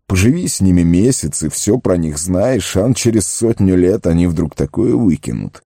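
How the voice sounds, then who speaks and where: A man doing a deep, stern old wizard. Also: expressive, creaky, warm tone, breathy edge, no room sound, clean studio sound, exaggerated voice. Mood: earnest warning. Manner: grave, slow and warning. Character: old wise male wizard, stern and commanding. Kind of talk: audiobook character reading.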